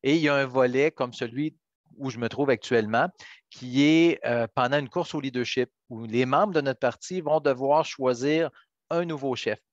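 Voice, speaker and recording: In an interview, a middle-aged politician from Quebec answers questions in measured, hesitant phrasing with a Quebec French accent. His voice is medium-pitched, and the dry recording has a dull, lo-fi, band-limited sound.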